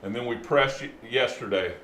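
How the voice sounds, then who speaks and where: A man's voice: mid-range voice, moderate pace, bright, forceful tone. A man chatting casually as a show host, with a laid-back stoner way of talking full of slang and swearing. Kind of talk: casual chat. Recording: roomy echo, faint background noise.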